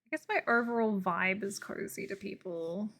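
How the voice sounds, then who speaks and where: A woman's voice: medium pitch, moderate pace, a bit bright. A young woman streaming while she draws, chatting casually and laughing often. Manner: giggly, laughs often, playful. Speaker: art streamer. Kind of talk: casual chat while drawing.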